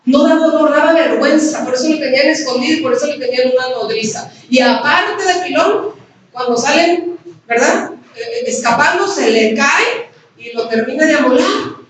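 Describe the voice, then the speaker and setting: A woman's voice: sits high, moderate pace. A woman pastor with a Mexican Spanish accent preaching at a women's conference, talking conversationally and asking the audience questions. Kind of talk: sermon. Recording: very echoey hall, distant mic, faint noise.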